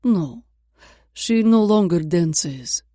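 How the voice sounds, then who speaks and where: A woman's voice: lowish voice, lively intonation, drawn-out words, warm tone, no echo, clean studio sound. A woman voicing a guarded, terse male ballet dancer with a Russian accent in an audiobook. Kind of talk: audiobook character voice.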